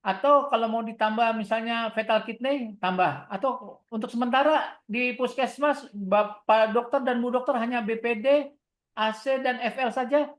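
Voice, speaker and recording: Her voice is a little high and her speed normal as this Indonesian-accented woman guides an online equipment tutorial step by step. A product trainer giving a software tutorial, she regularly asks questions and answers them herself to teach.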